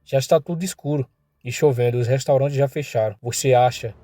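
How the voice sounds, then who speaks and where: A man's voice: medium pitch, brisk, dark tone, no room sound, studio quality, lightly acted. A man voicing a timid, doubtful heavyset male gang underling.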